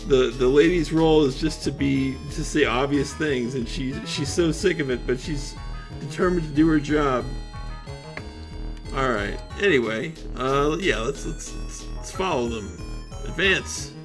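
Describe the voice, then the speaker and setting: A man's voice: medium pitch, a little slow, music in the background. A man streaming a game, reading dialogue aloud with chatty asides.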